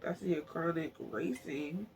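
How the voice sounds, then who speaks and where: Reading a book aloud casually, a woman with a deep, slightly mellow voice keeps a measured pace. She's an amateur narrator who fumbles words and breaks off to chat to herself. There's a faint hum of background noise.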